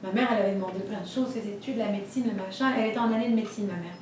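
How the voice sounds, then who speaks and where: A woman teaching a religious class, telling stories in a lively way and acting out the voices of the people in them. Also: mid-range voice, rapid-fire, background noise. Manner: lively storytelling, acts out voices. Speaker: Torah teacher. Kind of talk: storytelling class. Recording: echoey room, voice from far off.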